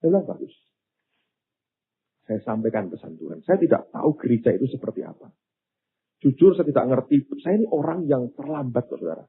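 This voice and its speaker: An older male pastor preaches in a lively storytelling manner, his pitch leaping high and low. His voice is husky, and the sound is thin and phone-like. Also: a little fast, long pauses. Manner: animated, rising to loud exclamations. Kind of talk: sermon with storytelling.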